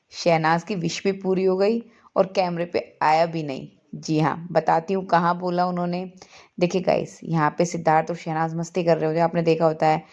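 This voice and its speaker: A woman's voice: low voice, darkish tone, lo-fi sound. A woman hosting a celebrity gossip video, chatting eagerly and speaking straight to her viewers as "guys". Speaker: entertainment news video host.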